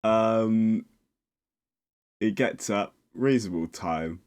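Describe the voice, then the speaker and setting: Deep-voiced young man, dry. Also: takes it slowly, smooth. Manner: relaxed, dry teasing. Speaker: podcast co-host. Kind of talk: casual chat.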